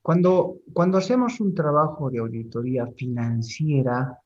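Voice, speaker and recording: A middle-aged man lectures a university class at an unhurried pace, his voice warm and relaxed. He pauses often and repeats words as he works through each point. The recording sounds muffled and lo-fi. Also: medium pitch, breathy edge. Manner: slow, deliberate, pausing and repeating words.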